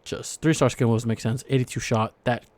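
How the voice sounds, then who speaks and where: Excitable young man chatting. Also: medium pitch, fairly quick, no room sound. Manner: excitable, rambling, swears casually. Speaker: podcast co-host. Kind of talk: casual chat about football cards.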